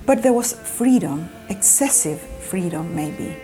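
A woman's voice: lowish voice, expressive, slow, warm tone, faint music behind. A woman answering in an interview in a reflective way.

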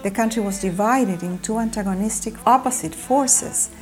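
A woman's voice: a little high, normal speed, soft background music. A woman answering in an interview in a reflective way.

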